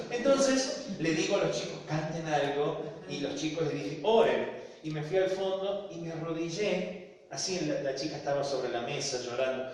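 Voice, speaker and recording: Man, Argentine accent, preacher telling a testimony, loud emphasis then hushed near-whispers, distant mic, echoey hall. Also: fairly high pitch. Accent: Argentine Spanish. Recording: echoey hall from far off, faint ambience.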